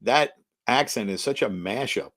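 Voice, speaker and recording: A man's voice: medium pitch, animated, measured pace, a bit bright. A man co-hosting a political podcast, chatting in a dry, conversational way. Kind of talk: casual political talk.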